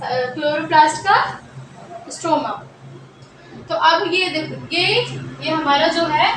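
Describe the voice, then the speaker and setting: Teaching biology in a room with a board, a woman with an extremely high-pitched, fairly bright voice repeats key terms, asks and answers her own questions, and drops English phrases into her talk. The distant mic catches an echoey room and a little hiss or hum.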